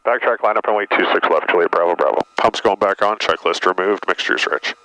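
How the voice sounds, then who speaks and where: A man at the controls, heard through his cockpit headset mic, his voice sitting a little low with a gravelly, bright edge. He reads back tower calls and works through checklist callouts in short, crisp phrases. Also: fairly quick, no room sound, rough recording. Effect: pilot speaking through a cockpit headset mic. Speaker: pilot. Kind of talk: narrating his own flight from the cockpit. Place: small airplane cockpit.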